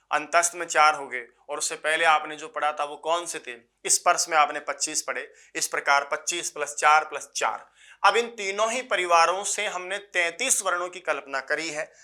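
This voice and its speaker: A man teaching Sanskrit grammar for exam preparation. He repeats key phrases slowly, asks questions and answers them himself, and mixes in folksy jokes. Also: on the high side, bright, forceful tone. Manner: folksy jokes, addresses students as sir. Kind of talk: exam-prep grammar lecture.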